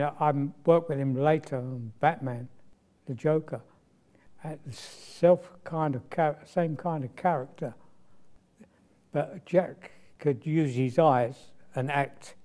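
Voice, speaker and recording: Man, mellow and mid-range, casual recollection in an interview. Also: a little high, fairly even intonation, measured pace. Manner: conversational, with small restarts. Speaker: film crew member recalling a shoot.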